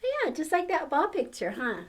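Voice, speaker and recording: A woman's voice: sits high, wildly swooping pitch, normal speed, slight background noise. An older woman with a grandmotherly manner reads a children's story aloud, coaxing and encouraging with playful asides.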